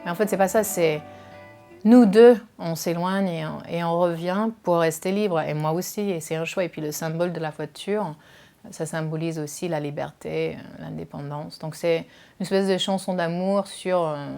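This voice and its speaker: Hesitant American woman with a low voice. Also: fairly even intonation, moderate pace, creaky, warm tone, soft background music. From California, USA. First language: English. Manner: hesitant, many fillers and restarts. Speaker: musician guest. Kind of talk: interview answers.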